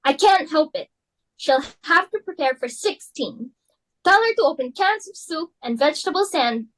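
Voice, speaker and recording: In a rough recording, a woman with a high, fairly bright voice speaks animatedly at normal speed. She plays a domineering, socially ambitious mother and hostess in a dramatic reading of a stage play, sounding imperious, melodramatic, bossy and scolding.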